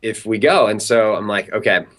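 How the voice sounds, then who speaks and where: A young man from Southern California, a guest telling an animated story in an interview, talking in a chatty way full of filler words. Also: lowish voice, moderate pace.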